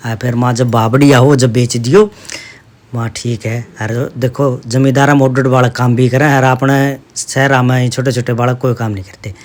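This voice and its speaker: A man's voice: mid-range voice, little pitch movement, moderate pace. A middle-aged man, narrating his family vlog in a chatty, homely way and pointing things out to viewers. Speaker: vlogger, father.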